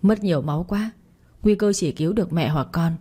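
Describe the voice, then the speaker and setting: A woman reading the lines of a male doctor in a storybook, speaking in a hurried, blunt way. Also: lowish voice, warm tone, husky. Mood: urgent.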